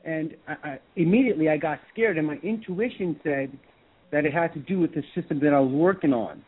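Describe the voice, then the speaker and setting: Radio call-in caller: Canadian man, a bit high-pitched, halting and repetitive, thin phone-quality audio. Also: husky. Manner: hesitant, restarts with repeated words. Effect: phone-line caller audio. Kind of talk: telling a personal story on a call-in show. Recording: tinny phone-like line.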